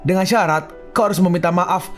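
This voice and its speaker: A man playing a smug young rival from a manhua storybook, mocking and arrogant, in a fairly high voice. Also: brisk, faint music behind, natural voice.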